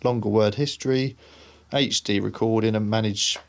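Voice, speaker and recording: A man's voice: on the low side, fairly even intonation, moderate pace. A man working as a paranormal investigator, chatting casually while trying out phone apps. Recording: clear background noise.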